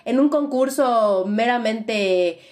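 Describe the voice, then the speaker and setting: A young Mexican woman with a Mexican accent, a guest in a casual interview, telling her story in an animated, reflective way and leaning on fillers. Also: fairly high pitch, slow pace.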